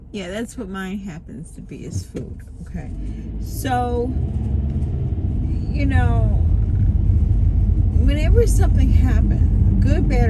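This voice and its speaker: Slow-talking woman over loud vehicle noise. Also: a little high. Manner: rambling, halting, circles back and repeats phrases. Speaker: vlogger giving herself a pep talk. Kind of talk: candid confessional monologue, casual chat.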